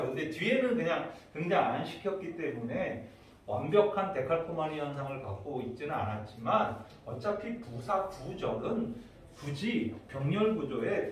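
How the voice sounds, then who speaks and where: A male English teacher giving an exam-prep grammar lecture, explaining step by step and checking in with the class often. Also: on the high side. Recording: echoey room, distant mic, faint noise.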